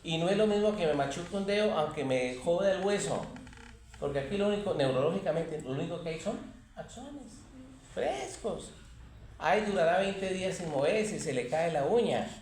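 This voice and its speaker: A Colombian man teaching an anatomy class, quizzing his students and telling lively anecdotes. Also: fairly high pitch, brisk, far from the mic. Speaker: anatomy lecturer. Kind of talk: classroom lecture. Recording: echoey classroom recorded from afar.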